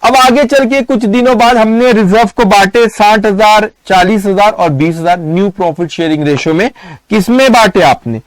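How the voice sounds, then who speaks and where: A man with a high voice teaches accounting in a recorded lecture, explaining step by step. He slips into acting out small scenes, lifting his voice with excitement. The sound is dry and close, with no room echo. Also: moderate pace. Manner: storytelling, acts out scenes with raised excited voice.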